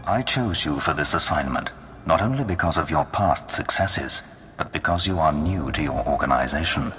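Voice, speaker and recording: An actor playing a menacing, grandiose Sith dark lord, commanding and slow in manner. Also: male voice, rumbling low, animated, slightly rough, heavily acted. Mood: ominous, grandiose. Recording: long hall reverb under loud music.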